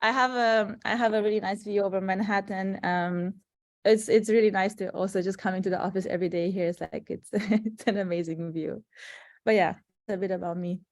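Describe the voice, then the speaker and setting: A woman's voice: mid-range voice, steady tone, fairly quick, no room sound, studio quality. A young adult woman from Romania, a product manager, talking casually with many fillers and frequent laughs, speaking from an office meeting room. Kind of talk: casual panel interview.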